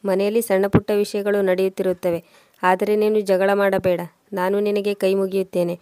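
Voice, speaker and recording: A woman voicing a gentle, pleading elderly father-in-law in a storybook reading, speaking in a soothing, conciliatory way. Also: mid-range voice, little pitch movement, moderate pace, no room sound, close to an everyday voice.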